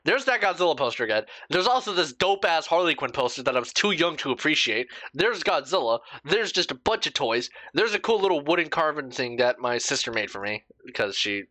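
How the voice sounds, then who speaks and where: A young man talks through old videos in a bright, forward voice with a lively, swooping pitch. He swears without a second thought and laughs at his younger self. The sound is close and dry. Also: fairly quick, few pauses, no room sound. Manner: swears freely, laughs at himself. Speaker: YouTuber. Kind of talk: reaction commentary.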